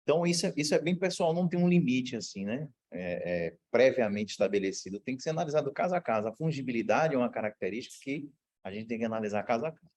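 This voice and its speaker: A husky-voiced man from Brazil teaching a university law class. He lectures casually, mixing slang and personal stories into his explanations, with his voice at a middle pitch for a man. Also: expressive, fast talker, darkish tone, poor audio. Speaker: law professor. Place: lecture room.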